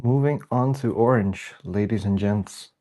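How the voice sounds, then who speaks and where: Working on camera during a relaxed livestream, a sniffly young man chats with his audience and welcomes each newcomer by name. He speaks at a measured pace in a lowish, mellow voice.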